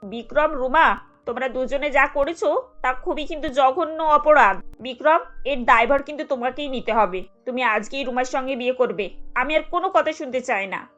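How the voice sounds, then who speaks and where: A woman's voice: sits high, normal speed, fairly bright tone, highs cut off, soft background music. A woman voicing a stern matriarch. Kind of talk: cartoon story voice acting.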